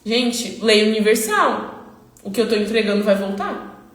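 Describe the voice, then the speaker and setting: A woman hosting a casual motivational live talk, animated and answering questions she imagines from her audience. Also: medium pitch, a little slow, echoey room. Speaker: live-stream host.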